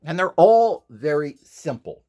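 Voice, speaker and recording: A man selling upgrade equipment gives an informal instructional monologue, blunt, opinionated, emphatic, and rambling, with scorn for rivals. His voice is on the high side and sing-song, a little slow, with a darkish tone.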